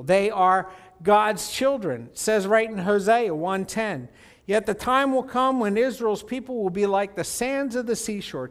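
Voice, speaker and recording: Male pastor, high voice, slow measured sermon delivery, swings from emphatic to quiet. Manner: deliberate preaching, rising to emphatic peaks and dropping low.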